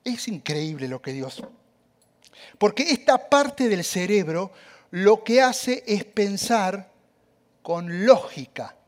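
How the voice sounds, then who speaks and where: A man preaching a sermon, speaking animatedly and addressing the audience directly. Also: high-pitched.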